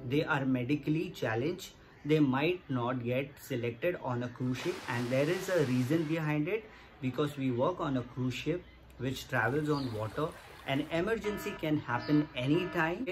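A man, explaining to camera in a casual, earnest way and repeating his points to viewers. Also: medium pitch. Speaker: vlogger. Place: small indoor room against a plain wall. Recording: music playing underneath.

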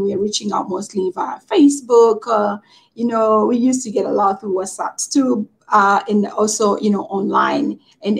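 A woman's voice: mid-range voice, creaky. A middle-aged woman from Tanzania, a teacher, answering interview questions over a video call in a friendly, easygoing way. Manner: friendly, easy laughs, many you-knows. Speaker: guest, teacher.

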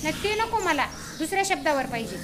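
A woman teacher running a reading game with young pupils, giving brisk directions and frequent praise. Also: high voice, big pitch swings. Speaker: primary school teacher. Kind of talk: classroom reading game instruction. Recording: noisy outdoor recording.

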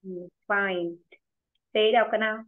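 A woman's voice: medium pitch, steady tone. Woman teacher, tinny video-call sound. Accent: Vietnamese. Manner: encouraging, repeats words slowly for students. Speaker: English teacher. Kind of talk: online pronunciation lesson.

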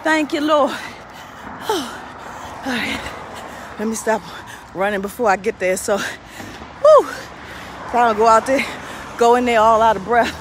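A woman's voice: a little high, a little slow, pauses often, background noise. A woman pastor talking casually while walking her dog, praying and chatting to viewers. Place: outdoors on a street, then inside a pet shop.

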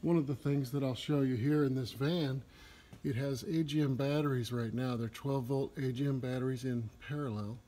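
A man's voice: medium pitch, fairly even intonation, normal speed, mellow. A man with a Southern US accent walks through an RV repair shop, explaining the technical work in a plain, casual way with some fillers. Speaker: RV shop tour guide. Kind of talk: casual walkthrough narration. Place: large indoor RV repair shop.

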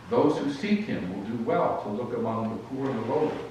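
A man's voice: mid-range voice, a little fast, darkish tone, muffled recording, slight background noise, close to an everyday voice. A man reading as a wise old rabbi, solemn. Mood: solemn counsel. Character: venerable old male rabbi, wise and gentle. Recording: echoey church from a distance.

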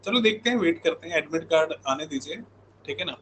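A man in his thirties from India, working as an online coaching teacher, chats informally with his live class and keeps repeating check-in tags. His voice is on the high side, expressive and a bit bright, and he talks fast. The rough recording carries a little hiss or hum.

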